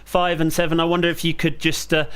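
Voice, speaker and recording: A man's voice: a little high, completely flat delivery, quick pace, fairly bright tone, smooth. A middle-aged man hosting as an amateur radio operator, courteously calling and explaining into a close desk microphone. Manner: repetitive phonetic call signs, courteous. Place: small indoor radio room. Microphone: close desk studio microphone.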